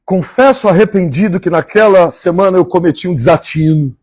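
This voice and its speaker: Husky Mineiro man reading a novel aloud. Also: sits high, darkish tone, no echo, studio quality. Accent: Mineiro Brazilian Portuguese. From Minas Gerais, Brazil. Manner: measured, repeats favorite lines and chats between passages. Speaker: live-stream host reading a novel aloud. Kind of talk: literary reading aloud with asides.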